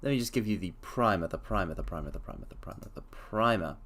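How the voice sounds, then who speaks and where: Low-voiced and fast, with lively intonation, this man keeps up casual live-stream chatter in a playful, theatrical style. He calls his viewers mortals and hums quietly to himself between lines.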